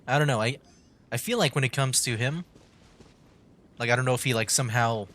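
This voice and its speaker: A man rambles through a casual let's-play of a story game on stream, reacting with frequent fillers and easy laughter. He talks briskly in a mid-range, slightly bright voice over the game's music.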